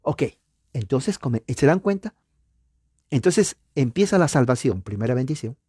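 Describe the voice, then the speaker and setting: A man lectures a class in a lively, swooping voice, firing rhetorical questions at his listeners. He sometimes counts items off aloud, dropping to a near whisper. The sound is dry and close, with no room around it. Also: medium pitch, measured pace, husky, no room sound. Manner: animated, rhetorical questions to the audience. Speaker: lecturer on church history. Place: lives near Los Angeles.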